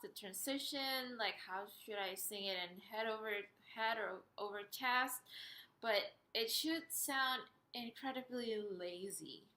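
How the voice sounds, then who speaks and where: A woman giving an instructional singing lesson, explaining step by step in a hesitant, pausing way. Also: on the high side, bright, forceful tone. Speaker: singing teacher. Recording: roomy, echoey sound.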